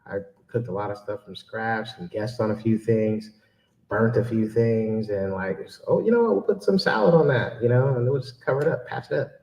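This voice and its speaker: With a fairly low voice at normal speed, this author and keynote speaker fields audience questions informally, cracking self-deprecating jokes and livening up whenever he quotes himself. The library event room is echoey, and the mic sits at a distance.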